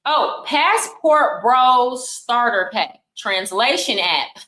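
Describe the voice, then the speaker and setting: A woman's voice: a little high, expressive, takes it slowly, sharp tone, roomy sound, poor audio. A young woman, streaming and commenting bluntly on clips in casual talk. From United States. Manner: blunt, scolding, talks over clips.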